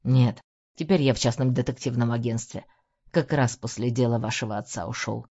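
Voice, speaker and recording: A woman voicing a weary middle-aged male ex-detective who grumbles through his teeth in a lowered voice. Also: brisk, warm tone, slightly rough, heavily acted. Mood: gruff, weary. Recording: dull lo-fi audio.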